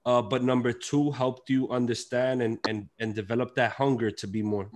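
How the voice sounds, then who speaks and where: A man runs a panel over a video call, speaking into a headset. He talks loosely, stopping and restarting with plenty of fillers. His voice sits at an ordinary middle pitch. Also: steady tone, normal speed, a little mellow. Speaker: host and moderator.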